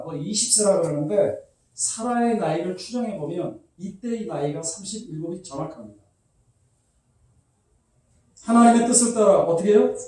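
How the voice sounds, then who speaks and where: Korean pastor preaching in an echoey church. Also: male voice, sits high, warm tone. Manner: acts out quoted voices, asks the congregation questions. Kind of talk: sermon. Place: church hall. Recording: very echoey hall, voice from far off.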